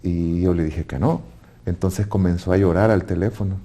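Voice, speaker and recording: Man, Salvadoran accent, earnest testimony, warm dark tone, slight hesitant restarts. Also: sits low, fairly even intonation, moderate pace. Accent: Salvadoran Spanish. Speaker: guest giving a testimony. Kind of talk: personal faith testimony.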